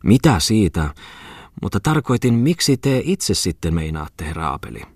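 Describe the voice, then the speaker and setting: A man reading aloud voices a showy, chattering merchant's wife who speaks Finnish with a foreign lilt, rattling on in a lively, theatrical way. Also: deep voice, dry recording, clean studio sound, heavily acted. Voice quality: foreign-sounding Finnish, chirpy and lilting.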